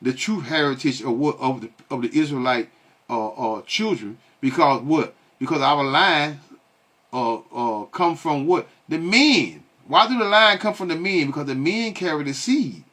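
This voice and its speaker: A man's voice: a little high, animated, measured pace, a bit bright. A man giving blunt, scolding commentary on video clips, who keeps asking rhetorical questions and repeats himself. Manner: blunt and scolding, with many stalling fillers. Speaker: online religious commentator.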